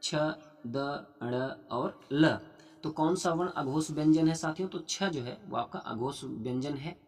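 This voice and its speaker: Husky young guy teaching an exam prep class, reads mcq options then explains, keeps saying friends. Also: on the high side, measured pace, darkish tone. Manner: reads multiple-choice questions, then answers them with explanations; addresses students as "saathiyon" over and over. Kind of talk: online exam-prep lesson.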